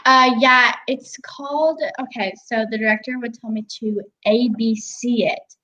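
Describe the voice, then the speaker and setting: A woman's voice: on the high side, fairly even intonation, unhurried, muffled recording, background noise. A teenage girl chatting as an interview guest about her voice-acting work, giggly and full of "like" fillers. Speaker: guest, young voice actress. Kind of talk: casual interview chat.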